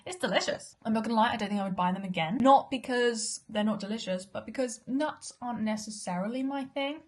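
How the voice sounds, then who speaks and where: A woman's voice: on the high side, fairly quick. A young British woman taste-testing food for her vlog, chatting casually between bites and sometimes dropping to a half-whisper. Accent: British English. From Britain. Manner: chatty, eating while talking, drops to half-whispers. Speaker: food vlogger.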